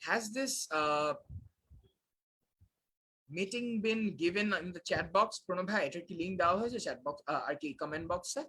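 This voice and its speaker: A man's voice: high voice, animated, unhurried, bright, forceful tone, poor audio. A young man teaching a live online class, switching between Bangla and English with frequent filler sounds.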